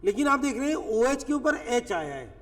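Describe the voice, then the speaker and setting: A man's voice: extremely high pitch, sing-song, moderate pace, a bit bright. A man teaching chemistry in a lecture, explaining step by step with everyday examples. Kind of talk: classroom lecture. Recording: echoey classroom, voice from a distance.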